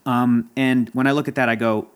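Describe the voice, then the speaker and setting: A man's voice: medium pitch, little pitch movement, moderate pace, clean tone. A man in casual chat as a podcast guest, talking in a passionate, rambling and emotional way. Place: Los Angeles area.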